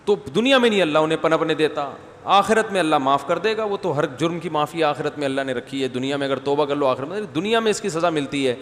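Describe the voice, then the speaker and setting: A man's voice: a little high, expressive, few pauses, fairly bright tone. A man giving a conversational religious lecture to a gathering, slipping in humorous asides and asking the audience questions. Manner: humorous wordplay. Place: mosque gathering after night prayers. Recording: long hall reverb, faint background noise.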